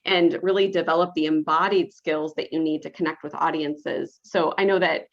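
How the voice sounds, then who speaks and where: A woman communication professor talking on a podcast panel in a measured, thoughtful way, pausing often. Her voice sits on the low side and comes through dull and lo-fi. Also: fairly even intonation. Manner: measured, thoughtful, frequent fillers. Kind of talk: panel discussion. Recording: dull lo-fi sound.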